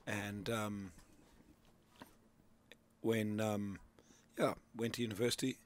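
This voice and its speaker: A middle-aged Zimbabwean sales coach explains his ideas as a guest in a radio studio interview. His voice sits on the low side, with fairly even intonation and a slow pace, and his talk is loose and conversational, full of restarts.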